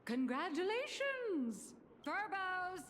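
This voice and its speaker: A woman's voice: extremely high pitch, big pitch swings, takes it slowly, a bit bright, slight background noise, exaggerated voice. An actress playing a shrewd, confident businesswoman in a game, calculating and dry.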